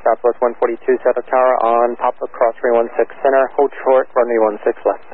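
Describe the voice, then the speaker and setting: A male tower controller gives clipped instructions to pilots in a flat, quick delivery. The radio sound is tinny. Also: medium pitch. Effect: aviation radio. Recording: narrowband radio with faint static.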